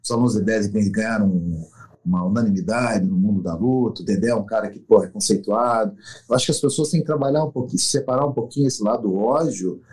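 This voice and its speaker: A man's voice: on the low side, quick pace, a little mellow, breathy edge. A middle-aged man, a veteran fight coach speaking bluntly and emphatically in a casual interview. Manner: emphatic, blunt, acts out quotes.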